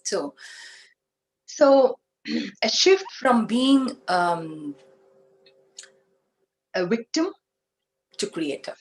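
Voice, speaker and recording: A woman with an Indian English accent giving a spiritual talk, explaining slowly with everyday examples and asking the audience questions. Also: fairly high pitch, very animated, poor audio. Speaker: spiritual teacher.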